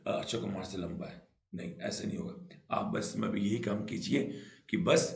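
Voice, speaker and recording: A man's voice: mid-range voice, creaky, roomy sound. A man teaching English grammar in Hindi, explaining patiently, repeating key points and often checking with "right?". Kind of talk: Hindi-language grammar lesson.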